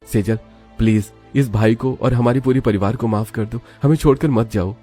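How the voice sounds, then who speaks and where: Guy doing a sorry older brother, plain mid voice, soft music behind. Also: medium pitch, normal speed, husky, voice pushed up, close to an everyday voice. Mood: remorseful. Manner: apologetic. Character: remorseful elder brother, humbled.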